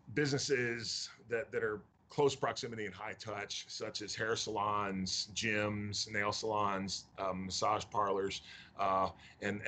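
A man who is a county mayor from Tennessee, answering interview questions over a video call in a measured way with many fillers. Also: on the low side, fairly bright tone.

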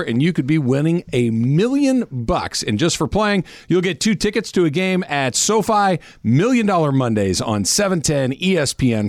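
A man's voice: on the high side, no echo, studio quality. A man with an American accent reading a radio contest promo as the show's host.

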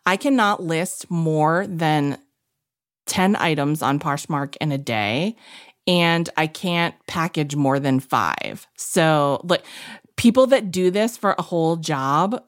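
A woman co-hosting a casual podcast, telling a story with lots of fillers and lively asides. Her voice sits a little low and sounds close and dry, with no room around it. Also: takes it slowly, dry recording. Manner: chatty, animated storytelling with many fillers. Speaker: podcast co-host. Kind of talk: casual chat.

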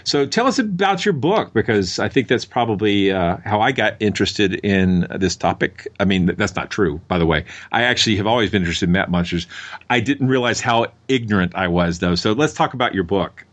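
A man hosting a science podcast in a bright, curious manner, moving between scripted introductions and casual chat. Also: on the low side, expressive, a little fast. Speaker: podcast host.

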